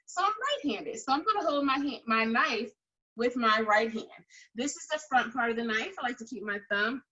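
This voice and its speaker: A woman's voice: on the high side, animated, normal speed, bright, forceful tone, muffled recording. A woman cooking teacher giving children a step-by-step demonstration in an instructive, encouraging way, repeating key phrases. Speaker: kids' cooking school teacher and host.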